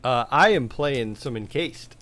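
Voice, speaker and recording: A man streaming a game live, chatting casually and reading the in-game dialogue aloud while his voice is going hoarse. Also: mid-range voice, lively intonation, a little slow, a bit bright. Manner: casual, chatty, laughs often, reads dialogue in plain voice. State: losing his voice, coughing.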